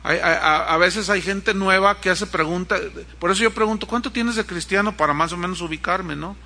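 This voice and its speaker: A man's voice: high voice, brisk. A man preaching a sermon in a conversational way, with asides to the congregation and acted-out quotes. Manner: animated storytelling, acting out quotes.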